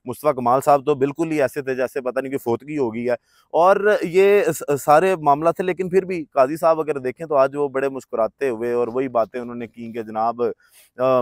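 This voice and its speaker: A man's voice: mid-range voice, darkish tone, no echo, clean studio sound. A man, from Pakistan, giving solo political commentary in a conversational way with many hesitant filler sounds.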